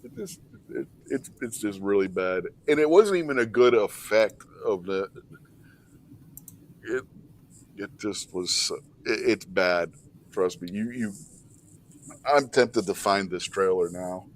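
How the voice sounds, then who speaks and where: A man hosting a show with casual film commentary in an animated, sweary, mocking manner. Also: fairly low pitch, takes it slowly, pauses often, a little hiss or hum, poor audio. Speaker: show host.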